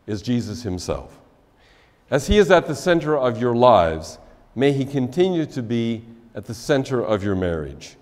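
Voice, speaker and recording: Older man preaching a wedding sermon, reverberant. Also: mid-range voice. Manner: measured preaching, soft drop at phrase ends. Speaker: wedding officiant. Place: church sanctuary, indoors. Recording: long church reverb.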